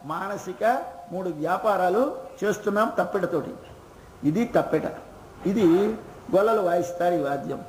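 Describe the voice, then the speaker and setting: A man's voice: high-pitched, reverberant, a little hiss or hum, low-quality recording. A man with a Telugu accent giving a devotional sermon, asking questions and answering them himself. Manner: asks and answers his own questions; chants verses in a slow singsong. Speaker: religious discourse speaker.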